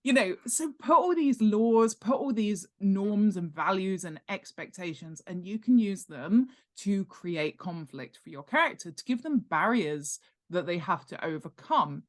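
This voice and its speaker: Her medium-pitched voice stays animated and unhurried, with few pauses, as this interview guest, an author and world-building expert, enthusiastically and emphatically describes her craft in conversation, laughing easily.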